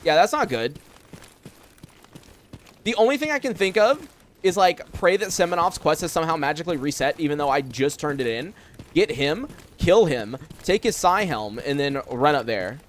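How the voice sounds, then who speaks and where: A young man with a fairly high voice and lively intonation streams a game from a room at home, talking at normal speed over a little hiss or hum. He rambles chattily, filling his speech with fillers as he plays and answers chat.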